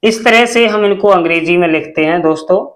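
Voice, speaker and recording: A male teacher giving a spelling lesson, slowly spelling words out letter by letter. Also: sits high, fairly bright tone.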